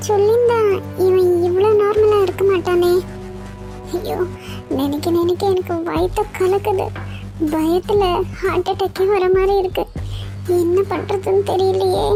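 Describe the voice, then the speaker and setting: A woman's voice: very high-pitched, fairly even intonation, moderate pace, music in the background. A woman voicing an anxious, guilty middle-aged aunt in a cartoon, fretting and worrying aloud. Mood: fretful. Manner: fretful, worried muttering.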